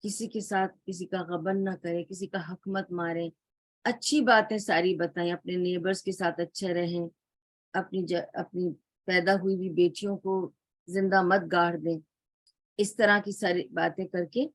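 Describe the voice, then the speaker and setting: A woman lecturer giving a storytelling religious lesson, explaining calmly and mixing English words into her speech. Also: fairly low pitch, no room sound. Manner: calm, explanatory tone, addressing the listeners directly. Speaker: Islamic studies lecturer.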